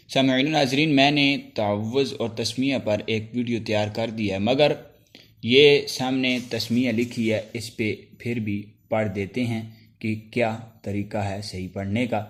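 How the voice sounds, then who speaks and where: A man with a Pakistani Urdu accent teaching a Quran recitation lesson, explaining each letter step by step and chanting the sounds slowly. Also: lowish voice, steady tone. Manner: slow drawn-out chanted letters between spoken explanations; clears throat now and then.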